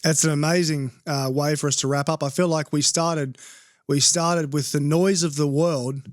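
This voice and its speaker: A man's voice: on the high side, steady tone, normal speed, no room sound. Podcast host man, dry close sound. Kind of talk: podcast interview, closing prayer.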